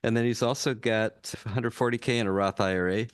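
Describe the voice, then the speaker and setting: A man's voice: medium pitch, steady tone, fairly quick, clean tone, no echo, studio quality. A male podcast co-host explaining finance rules plainly in easygoing casual talk.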